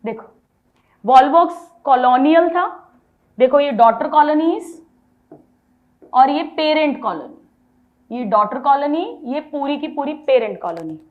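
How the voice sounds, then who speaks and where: High-voiced woman teaching biology mnemonics. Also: lively intonation, slow pace, pauses often, narrow, tinny audio. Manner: drills mnemonics, has students repeat names aloud; mixes Hindi and English terms. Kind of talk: online exam-prep lecture.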